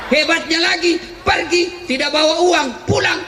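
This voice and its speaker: A middle-aged man preaching a comic sermon, animated, often shouting and laughing through his punchlines. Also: sits high, normal speed. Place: large hall with a live audience. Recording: echoey hall, faint crowd and noise.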